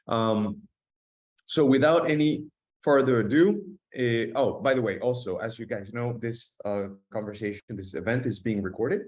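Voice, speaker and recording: A man's voice: mid-range voice, moderate pace, a little mellow. A man hosting an online webinar from an office, talking with many fillers and restarts. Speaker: host. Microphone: video call.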